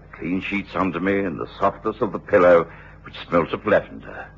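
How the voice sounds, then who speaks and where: English doctor narrating, very deep, expressive, reflective, dull vintage radio sound. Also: male voice, vocal fry, breathy edge, exaggerated voice. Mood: weary, reflective. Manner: measured, reflective storytelling. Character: gentlemanly doctor narrating his own ordeal. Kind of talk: 1950s-60s British radio drama narration. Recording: dull, slightly noisy old radio recording.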